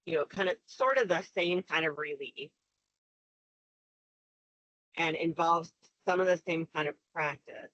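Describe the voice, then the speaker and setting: A woman's voice: low voice, fairly bright tone, no echo. Hesitant woman on a muffled conference call. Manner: hesitant, halting and self-correcting. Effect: conference call audio, breaking up. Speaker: committee member drafting defense standards. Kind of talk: work meeting discussion.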